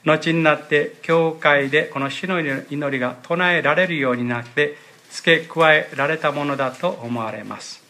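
Pastor type, male, forceful bright tone, earnest sermon delivery with frequent fillers, church service. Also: on the high side, moderate pace. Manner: earnest, pads phrases with "desu ne".

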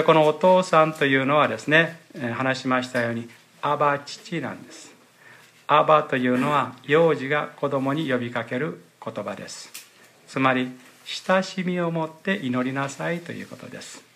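A man's voice: medium pitch, bright, forceful tone. A man preaching as pastor at a church service, earnest and often padding his phrases with little fillers. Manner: earnest, pads phrases with "desu ne". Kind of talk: sermon.

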